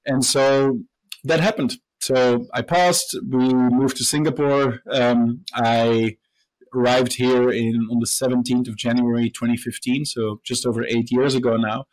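This interview features a professor and company co-founder from Belgium, a man in his thirties, telling stories casually as he answers, often restarting and using fillers. He speaks at a medium pitch, and the recording is rough.

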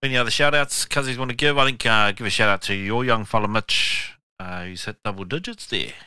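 A man's voice: lowish voice, a little fast, sharp tone, clear, resonant tone, no room sound. A middle-aged man hosting a casual chat, laid-back and slangy, swearing freely.

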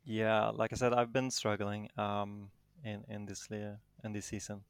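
Casting: male interviewee, Danish accent, fry-edged delivery, close dry sound, modest and hesitant. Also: fairly low pitch, completely flat delivery, unhurried, no echo. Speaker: interviewed tournament champion. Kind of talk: casual interview answers.

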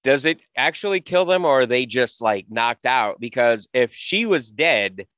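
This is a man co-hosting a casual movie podcast who chimes in agreeably and tells anecdotes. His voice sits at a middle pitch, with a dry, close sound. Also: animated, a little slow, fairly bright tone, no room sound. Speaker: podcast co-host. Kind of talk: casual movie review chat.

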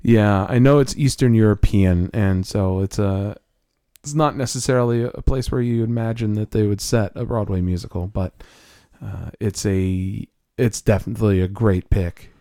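A man's voice: fairly low pitch, steady tone, moderate pace, warm tone, no echo, studio quality. A man co-hosting a podcast, talking casually and thoughtfully with frequent restarts. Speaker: podcast co-host. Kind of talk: casual chat.

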